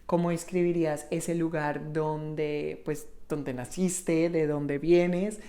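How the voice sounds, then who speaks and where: A woman's voice: low voice, steady tone, slow pace. A woman hosting a podcast interview, asking long, meandering questions and backing the guest with short remarks. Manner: warm encouraging interjections, rambling questions. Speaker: podcast host. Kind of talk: conversational interview.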